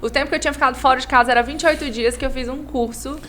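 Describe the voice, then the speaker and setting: A woman pastor from Imperatriz, Brazil, tells her life story as a guest on a podcast. Her high, somewhat bright voice moves rapid-fire with fairly even intonation, over slight background noise.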